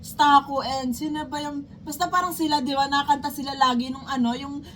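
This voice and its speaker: A woman's voice: high-pitched, fairly even intonation, fairly quick, slight background noise. A young woman with a Filipino accent, chatting casually and gushing as she hosts a video reacting to a performance. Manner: chatty, gushing, exclaims loudly. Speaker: reaction channel host. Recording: loud music playing behind.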